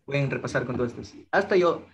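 A young man with an Ecuadorian Spanish accent teaching an online language class, patient and slow, often checking in with his students. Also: mid-range voice, expressive, dull audio, a little hiss or hum. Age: young adult. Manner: patient, slow drilling of phrases, checks in with frequent "¿sí?".

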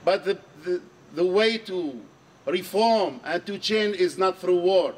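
A middle-aged man from Syria giving an earnest, measured speech at an outdoor protest, repeating key phrases for emphasis. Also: high voice, far from the mic. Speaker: archbishop speaking at a rally. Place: outdoor square under trees. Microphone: handheld mic on a stand.

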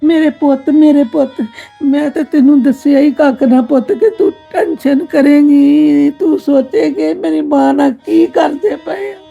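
A woman with a Punjabi accent playing a grieving elderly mother who has been neglected by her sons, speaking in a tearful, gravelly voice. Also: sits high, fairly even intonation, unhurried, mellow, highs cut off, soft background music, heavily acted. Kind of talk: Punjabi family drama acting.

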